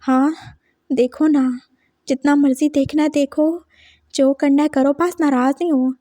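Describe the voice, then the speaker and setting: A woman voicing a lovesick young man who is clingy, pleading and quick to get flustered, read for a fan story. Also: high voice, steady tone, warm tone, no echo, studio quality.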